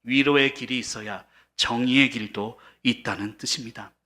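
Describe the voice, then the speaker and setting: A man's voice: medium pitch, fairly even intonation, normal speed, pushed and bright. A middle-aged man preaching a sermon as pastor, earnest and building to emphatic peaks.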